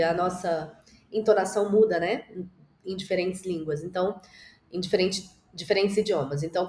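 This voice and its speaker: A woman teaching an English lesson with gestures, speaking to the viewer in an encouraging way and drawing out the model sentences slowly for repetition. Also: medium pitch, darkish tone, roomy sound, slight background noise.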